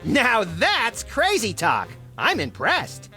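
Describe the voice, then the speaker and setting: A man's voice: high-pitched, wildly swooping pitch, slow, pushed and bright, faint music behind, full character voice. An actor playing a small, manic, gleefully violent male rabbit sidekick in a comic cartoon game, impish and wisecracking. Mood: wry impatience.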